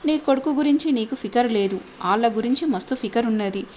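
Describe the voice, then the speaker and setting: A woman voicing a stern, gruff middle-aged village father who scolds. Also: fairly high pitch, fairly quick, a little mellow, slight background noise, close to an everyday voice. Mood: angry.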